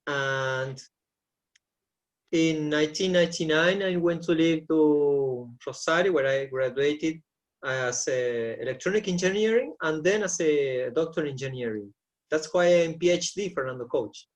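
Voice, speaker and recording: Pria Argentina berusia 40-an bersuara agak tinggi, tenang dan sungguh-sungguh sebagai pelatih. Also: male voice, fairly high pitch, a little slow. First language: Spanish. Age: 40s. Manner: earnest, repeats words while searching for phrasing. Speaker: shamanic coach. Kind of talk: interview answers.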